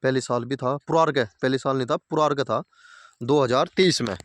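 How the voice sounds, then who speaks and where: A man's voice: medium pitch, a little fast, dry recording. A man talking casually outdoors by his fields, giving plain, repetitive advice to fellow farmers. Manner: plain-spoken, repeats points, addresses viewers as farmer brothers. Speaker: farming video host.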